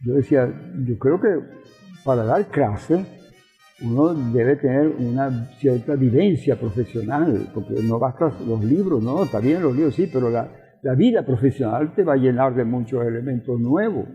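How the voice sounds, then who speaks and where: Speaking at a moderate pace in a medium-pitched, slightly rough voice, this older man with a Venezuelan accent is an interview guest who is both professor and politician. He explains and reminisces conversationally, with emphasis and frequent repetition. The audio has a roomy echo, a thin phone-like quality, and faint background music.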